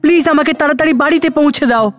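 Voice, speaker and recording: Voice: high voice, rapid-fire, fairly bright tone, soft background music. A performer voicing Aladdin, a poor young man in a cartoon, earnest and wondering. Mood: eager.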